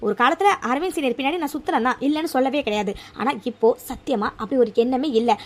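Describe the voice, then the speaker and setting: A woman voicing a young college woman who is confused about love and snaps at her friends in a cartoon story. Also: sits high. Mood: angry. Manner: fast, exasperated, rising to anger.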